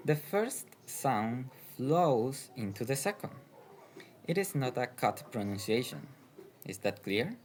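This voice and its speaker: Slow, deliberate male pronunciation teacher. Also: medium pitch, a little mellow, a little hiss or hum. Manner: repeats each example word twice.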